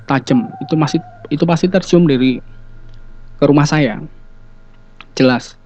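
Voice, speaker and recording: A man calmly recounting his own ghost encounters in a casual interview, hesitating often. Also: a little high, unhurried, no room sound. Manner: relaxed, hesitant, many fillers. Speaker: guest telling ghost experiences. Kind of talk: casual storytelling. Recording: dull lo-fi sound.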